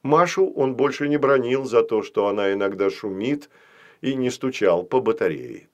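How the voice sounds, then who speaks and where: Expressive male storybook narrator. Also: mid-range voice, moderate pace. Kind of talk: children's audiobook narration.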